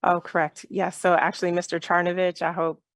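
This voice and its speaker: Low, flat-voiced woman chairing a meeting. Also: no echo. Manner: measured, procedural, polite. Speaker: mayor presiding over council meeting.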